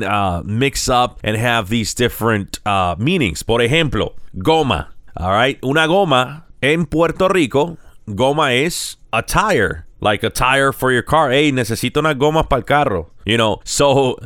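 A man's voice: medium pitch, lively intonation, a little slow, a bit bright, no room sound, clean studio sound. A man vlogging in a casual, rambling way, mixing English and Spanish as he talks to camera.

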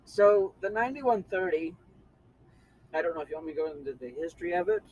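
Matter-of-fact male co-host, slightly high voice. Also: expressive, fast, highs cut off. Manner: matter-of-fact, explains details. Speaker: podcast co-host. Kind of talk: casual chat.

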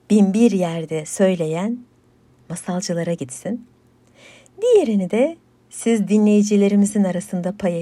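Woman telling a folktale, lilting and rhythmic, animated pitch, dry close sound. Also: dry recording. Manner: lilting, rhythmic, closing rhymes. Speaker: storyteller. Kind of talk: folktale storytelling.

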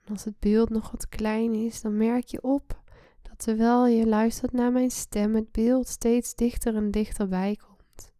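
Female meditation guide: hushed, soothing, breathy half-whisper, unhurried pace, close dry sound. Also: on the high side, flat delivery, no echo. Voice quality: soft, breathy, often slipping into a whisper. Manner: soothing, hushed spa-like delivery with pauses. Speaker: guided meditation podcast host. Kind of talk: slow guided relaxation meditation.

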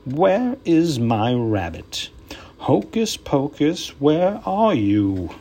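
A greedy, bumbling stage magician , as a reader puts him on, raised in pitch and stretching his words out like a showman. The tone is mellow and a little husky, with lively rises and falls. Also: extremely slow, full character voice. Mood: showy. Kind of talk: storybook character voice.

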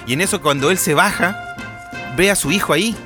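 A man's voice: high voice, fairly quick, music in the background. A Chilean man co-hosting a podcast, chatting casually about films and acting out characters' lines as he retells scenes. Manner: animated storyteller, acts out characters' lines. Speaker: podcast co-host.

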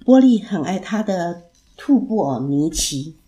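A woman storyteller reading a children's story aloud in an expressive, animated way. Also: on the low side, a little slow.

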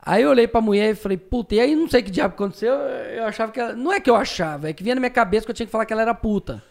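A man telling profane, slang-heavy anecdotes as a streamer guest in a casual podcast chat, with sudden shouted outbursts. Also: high-pitched, rapid-fire, vocal fry.

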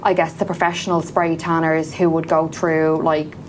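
Irish woman chatting, noisy low-rumble recording. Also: level tone, normal speed. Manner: informal, chatty explaining. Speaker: podcast guest, small business founder. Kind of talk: casual interview chat.

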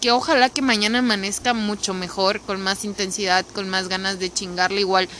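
A woman's voice: medium pitch, steady tone, a little fast, fairly bright tone, a little hiss or hum. A woman with a Mexican accent talking casually in a candid, rambling personal monologue, feeling unwell and tired, swearing now and then. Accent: Mexican Spanish. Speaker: podcast host.

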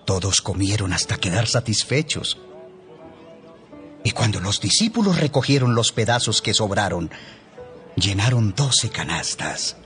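A man narrating a Bible audiobook in a measured, expressive storytelling manner. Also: on the low side. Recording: narration over background music.

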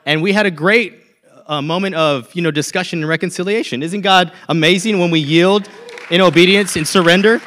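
A man's voice: high-pitched, a little fast, a bit bright. A man in his thirties preaching a sermon as a pastor, telling a personal story in a conversational way and checking in with "okay?" often.

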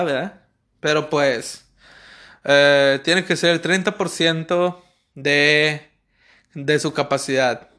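A man's voice: on the high side, bright, forceful tone. A man with a Mexican accent telling comic stories in a slangy, rambling way, as host of his own show. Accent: Mexican Spanish. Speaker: podcast host. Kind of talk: comic storytelling monologue.

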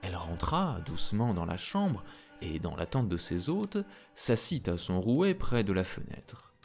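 A male storyteller reading a fairy tale slowly, with a voice that rises and falls dramatically. Faint music plays behind him. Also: sits low. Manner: expressive, dramatic. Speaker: narrator.

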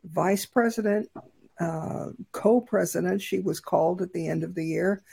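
A woman co-hosting a discussion podcast, speaking slowly and deliberately and stopping often to gather her words. Her voice is dark and gravelly, with a husky edge. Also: mid-range voice. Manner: measured, thoughtful, with frequent fillers. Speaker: podcast co-host.

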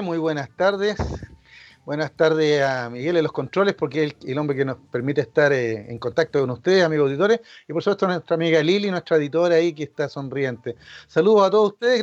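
A man's voice: a little high, fairly quick, dry recording. A man speaking as a courteous, formal radio panelist, on a dull recording. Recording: dull, dry audio, faint music.

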